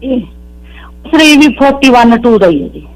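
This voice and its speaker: A woman's voice: on the high side, very animated, moderate pace, poor audio. A woman calling in to a radio show, earnestly pleading her case and calling the host sir. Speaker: caller. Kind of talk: emotional phone-in account.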